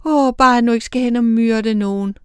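A woman voicing a young, newly-appointed female angel who is tender and timid, speaking softly and pleadingly. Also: fairly high pitch, steady tone, dry recording, studio quality, close to an everyday voice. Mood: fearful. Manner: soft, pleading, often breathy or whispering.

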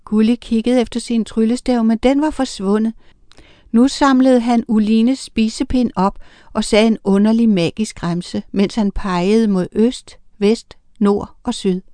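A woman narrating a children's storybook in a lively, expressive reading voice. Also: a little high, no echo.

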